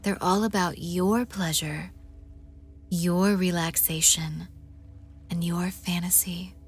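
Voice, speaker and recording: A woman doing an ASMR role-play as a hypnosis guide, murmuring softly and breathily right into the ear, teasing, coaxing and gently commanding. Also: lowish voice, steady tone, slow, soft background music. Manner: soft, intimate, breathy close-up murmur, right in the ear, often slipping into soft voice. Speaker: hypnosis audio host.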